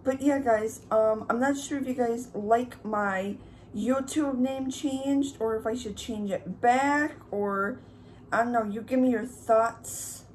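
A woman's voice: on the high side, slow pace, a little mellow, slight background noise. A young woman in a casual mukbang vlog, chatting and rambling to her viewers while she makes chocolate milk and cuts pizza at home. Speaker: YouTuber. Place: room at home. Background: faint TV in the background.

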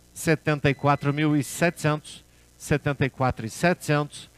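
Male auctioneer, repetitive bid chant, car auction calling, medium pitch, dry close sound. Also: no room sound. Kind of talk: live car auction calling, repeating bids.

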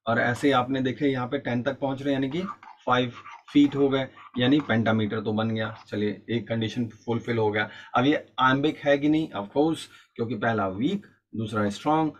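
A man's voice: medium pitch, steady tone, moderate pace, highs cut off. Patient man teaching in a lecture. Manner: explains patiently, repeats key points, mixes Hindi and English. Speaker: English literature teacher. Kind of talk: online exam-prep lecture.

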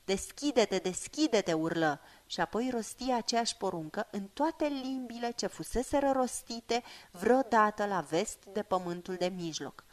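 Woman narrator, fantasy audiobook, measured, expressive reading. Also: medium pitch.

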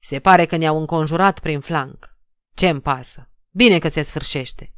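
Lady doing a worn-out soldier thinking to himself, low and relieved, dry sound. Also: clear, resonant tone, no echo, lightly acted. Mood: weary. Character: dying young male soldier, weary and resigned.

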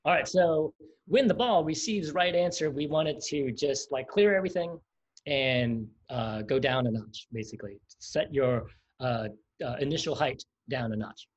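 Over lo-fi stream audio that's dull and carries a slight hiss or hum, a man runs a livestreamed coding class. His voice sits in the mid range at a moderate pace, and his explanations are chatty and punctuated by frequent laughter.

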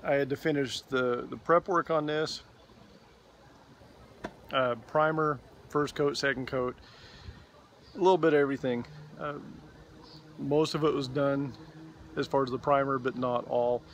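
A man's voice: mid-range voice, measured pace, long pauses. Man, 40s, casual self-shot vlogger, easygoing and rambling, outdoor phone audio, faint background hum. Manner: relaxed, rambling with fillers. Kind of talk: casual video diary. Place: outdoors in a boatyard. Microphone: phone camera at arm's length.

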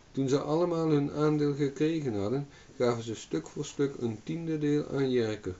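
Dark-voiced man reading a fairy tale. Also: medium pitch. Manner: calm steady narration. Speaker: storyteller. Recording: dull distant recording.

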